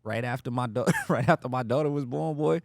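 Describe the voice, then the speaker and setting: A man hosting a casual podcast, talking in a slangy, joking, animated storytelling way. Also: mid-range voice, a little fast, gravelly, no room sound, studio quality. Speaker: podcast host. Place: warehouse, close dry sound.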